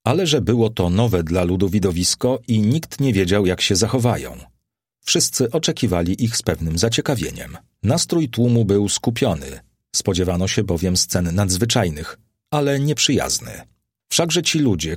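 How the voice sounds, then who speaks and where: A male audiobook narrator reading a classic novel in a measured, literary way. His voice is low and slightly husky. The recording is dry and close. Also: no room sound.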